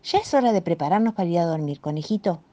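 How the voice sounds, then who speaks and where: A woman with a Rioplatense accent voicing a tender mother rabbit in her own soft voice. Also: fairly low pitch, expressive, fast, dull audio, lightly acted. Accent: Rioplatense Spanish.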